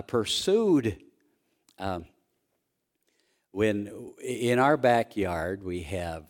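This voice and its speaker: A middle-aged man preaching a sermon as pastor, telling homely stories slowly with frequent fillers. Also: medium pitch, darkish tone. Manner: slow, folksy storytelling with frequent fillers.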